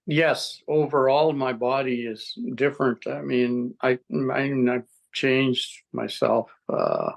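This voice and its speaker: Older man in his 70s, gravelly, halting interview talk, many restarts. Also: medium pitch, sing-song, low-quality recording. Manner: rambling, halting, with frequent restarts and chuckles. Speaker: interviewee giving a testimonial. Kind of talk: casual interview answers.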